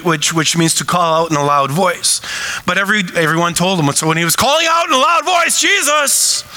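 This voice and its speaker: A man preaching a sermon from the pulpit, animated and acting out shouted cries as he retells a story. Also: high-pitched, low-quality recording. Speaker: pastor.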